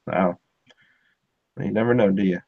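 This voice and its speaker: A podcast host from Ohio rambles through a casual chat, chuckling and packing his speech with fillers. His voice is deep and a bit breathy, his pace measured. The recording is dry with no echo but sounds dull and muffled.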